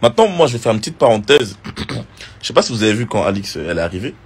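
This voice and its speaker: A reality TV contestant, a man, chatting casually on social media and answering viewer questions in a relaxed, slangy way. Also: mid-range voice, fast talker, slightly rough. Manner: relaxed and slangy, with many fillers.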